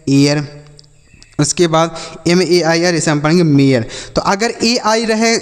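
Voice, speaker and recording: A man teaching English phonics to children, spelling out words slowly and asking the class to repeat them. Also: fairly high pitch, in a large hall. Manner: slow, repeats words and asks the class back.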